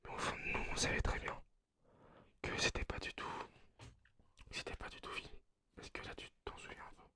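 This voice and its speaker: A man playing an anxious apocalypse survivor in a whispered role-play, speaking haltingly and muffled through a face mask. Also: natural voice. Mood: uneasy. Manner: hesitant, halting storytelling.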